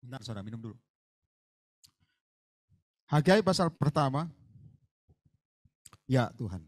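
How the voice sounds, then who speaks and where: A male pastor preaching a sermon, swinging from soft asides to loud fiery exhortation and mixing in English words. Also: mid-range voice, animated, unhurried. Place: church hall.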